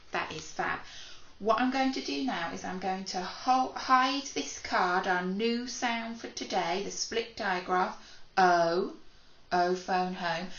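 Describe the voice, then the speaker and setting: A woman teaching a phonics lesson to young children to camera, speaking slowly and clearly with frequent praise. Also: mid-range voice, fairly bright tone, roomy sound, dull audio. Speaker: primary school teacher.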